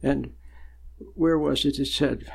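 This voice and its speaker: A man giving a sermon-like spiritual talk, slow and deliberate, with long pauses and sudden emphatic rises. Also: mid-range voice, fairly even intonation, gravelly, slightly rough. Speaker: spiritual teacher.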